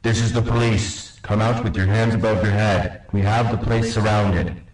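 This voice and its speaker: A man's voice: lowish voice, steady tone, moderate pace, darkish tone. A man playing a police officer giving commanding orders through a megaphone. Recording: echoey, from far off.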